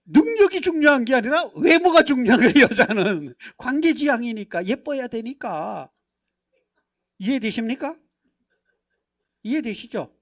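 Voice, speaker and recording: A middle-aged man leads a lively seminar from a church pulpit. He keeps checking in with the congregation and acts out everyday dialogues. His volume swings from hushed asides to loud, emphatic bursts. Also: very high-pitched, a little slow, pauses often. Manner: animated, acts out dialogues, constant rhetorical check-ins. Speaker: pastor. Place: church sanctuary.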